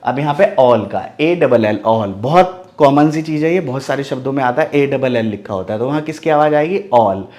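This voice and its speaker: A man's voice: mid-range voice, normal speed, few pauses, a little mellow. A man teaching English phonics, spelling each word letter by letter and repeating it, asking the class questions and answering them himself. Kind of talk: phonics lesson.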